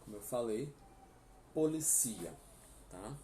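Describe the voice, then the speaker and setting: A Brazilian man teaches a live Spanish lesson at a very slow, patient pace, checking in with his students often. His voice is low and mellow. The room sounds echoey, with a faint hum of ambient noise behind him. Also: lively intonation. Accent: Brazilian Portuguese. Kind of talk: live online language class.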